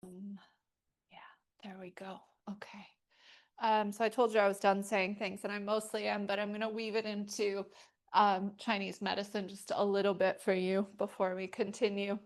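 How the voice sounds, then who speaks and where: A woman's voice: mid-range voice, level tone, fairly quick. A middle-aged woman teaching a yoga class and telling stories, talking casually and rambling with many fillers. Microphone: wearing a microphone.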